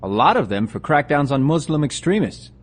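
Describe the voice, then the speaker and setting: An actor playing a businesslike intelligence analyst in an audio drama, clipped and matter-of-fact. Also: male voice, on the high side, sing-song, brisk. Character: businesslike male intelligence analyst reporting findings.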